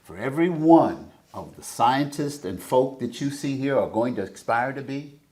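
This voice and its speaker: In a panel discussion recorded in an echoey conference room, a Southern American man speaks with a warm, mid-range voice. He's expressive and keeps a moderate pace, building to emphatic, preacher-like peaks.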